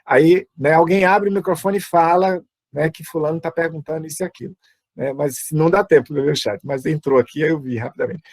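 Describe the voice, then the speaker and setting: This man, a Brazilian Portuguese speaker, sounds a little high and brisk as he teaches music on a video call with no echo. His online teaching talk is chatty, with lots of fillers and asides.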